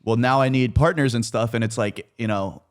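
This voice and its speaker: A man in his twenties, a content creator appearing as a podcast guest, talks candidly and informally about his personal life, using slang and some swearing. His voice is medium in pitch and his pace runs a little fast.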